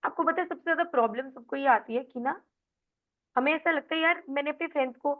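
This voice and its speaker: A woman's voice: high-pitched, fast. A woman life coach with an Indian accent, giving a motivational talk and mixing in English, acting out her clients' words. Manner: animated, acts out quoted voices of clients. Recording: tinny phone-like sound.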